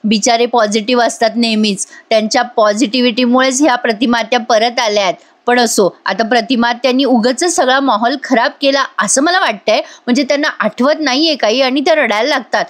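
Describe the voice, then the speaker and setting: A woman's voice: on the high side, brisk, few pauses. A woman giving a chatty voice-over recap of a TV serial episode, often laughing, talking straight to her viewers and acting out the characters' lines. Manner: addresses viewers directly. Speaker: TV serial reviewer.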